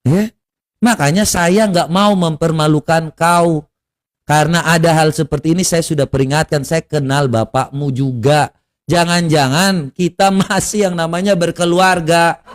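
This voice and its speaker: High-voiced man, scolding. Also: fairly even intonation, normal speed. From Kupang, East Nusa Tenggara, Indonesia. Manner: scolding and taunting, with rhetorical questions and mocking laughs. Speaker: online religious commentator. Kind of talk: confrontational social media rant.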